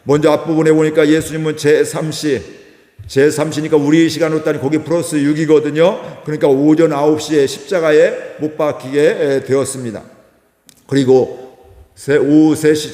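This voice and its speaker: A middle-aged male pastor delivers a sermon in a measured, explanatory way. His voice sits a little high, and he stretches out his filler sounds. The sound rings through a roomy church sanctuary with a long reverb tail. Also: dark tone.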